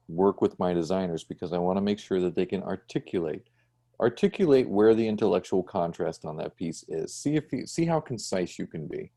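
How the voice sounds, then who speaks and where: Low mellow guy teaching design over a video call, keeps asking right?. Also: lively intonation, fairly quick. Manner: conversational, often checks with "right?". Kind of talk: online class teaching.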